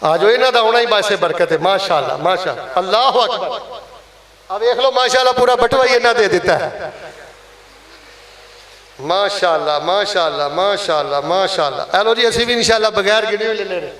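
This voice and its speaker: A man's voice: sits high, fairly quick, a bit bright, reverberant. A man with a Punjabi accent leading a mosque fundraising appeal during a Friday sermon, coaxing and blessing the congregation.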